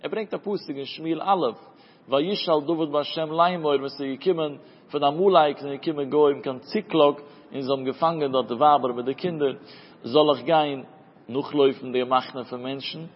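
Male Talmud teacher, fairly high voice, study singsong, long reverb on a dull recording. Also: steady tone, normal speed. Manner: chanting study singsong, mixing Hebrew terms into Yiddish-flavored German. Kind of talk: Talmud lesson. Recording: dull audio in a reverberant room.

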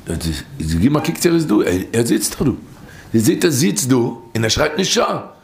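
Gravelly man telling a rambling teaching story. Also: mid-range voice, big pitch swings, normal speed, a little hiss or hum. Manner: rambling, repeats phrases and restarts often.

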